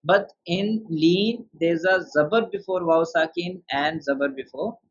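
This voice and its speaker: A man's voice: a little high, measured pace. A man teaching beginner Quran tajweed, explaining rules step by step and quizzing his student with questions. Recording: dull lo-fi sound.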